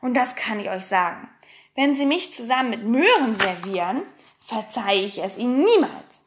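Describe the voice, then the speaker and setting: A woman voicing a bold, cheeky girl adventurer with a hoarse voice in an audiobook reading. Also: a little high, big pitch swings, moderate pace. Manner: boastful, playful.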